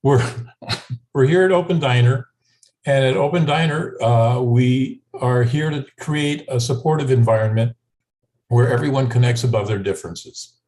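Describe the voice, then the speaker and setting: A man co-hosts a group video call and runs through announcements in a laid-back way, pausing with fillers as he goes. His voice sits at an everyday middle pitch for a man. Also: poor audio. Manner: relaxed, many filler pauses. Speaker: co-host. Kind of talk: reading house rules, casual.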